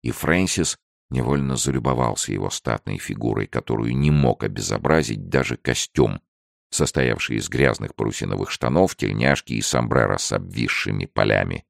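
Very deep, gravelly male narrator. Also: no room sound, clean studio sound. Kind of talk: audiobook narration of an adventure novel.

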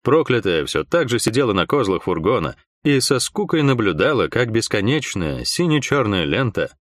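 A man reading a fantasy novel aloud as an audiobook narrator, in a measured, steady storytelling delivery. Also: lowish voice, no room sound, clean studio sound. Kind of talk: scripted narration.

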